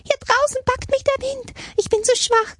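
Little scared fawn begging for help, high thin voice. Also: female voice, steady tone, moderate pace, a bit bright, no echo, studio quality. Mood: pleading. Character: small weak frightened young deer.

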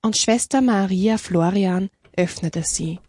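A woman's voice: mid-range voice, slow pace, warm tone, slight background noise. A woman reading a storybook aloud, telling it expressively.

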